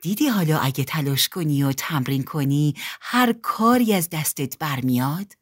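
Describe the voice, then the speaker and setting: Woman doing a gentle, proud storybook mom. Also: low voice, expressive, dry recording, studio quality, pitched below the performer's own voice. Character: warm proud mother.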